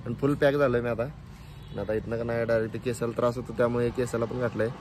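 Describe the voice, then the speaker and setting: A young man, vlogging in a casual, chatty way and teasing with gentle coaxing, first at home and then outdoors on the road. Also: mid-range voice, level tone, fast, slight background noise. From Kolhapur region, India. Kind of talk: casual vlog talk to camera.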